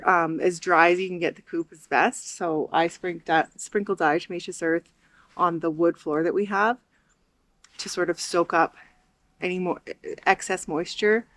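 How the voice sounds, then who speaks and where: A woman's voice: on the low side, steady tone, normal speed, a bit bright, no echo. Chatty woman vlogging outdoors. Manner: chatty, frequent ums, talks to viewers. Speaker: homesteading vlogger. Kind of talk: casual vlog narration. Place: outdoors by a snowy chicken coop.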